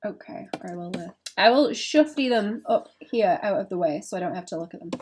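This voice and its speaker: A woman's voice: mid-range voice, expressive, fairly quick, a little mellow, slight background noise. A woman chatting casually on a live stream while she draws, thinking aloud and often stopping to restart her sentences.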